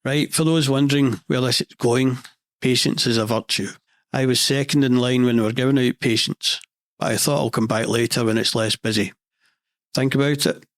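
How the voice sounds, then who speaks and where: A middle-aged Scottish man with a monotone delivery, hosting a scripted podcast monologue with dry, deadpan humour. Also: mid-range voice, brisk, no echo. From Scotland. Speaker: podcast host.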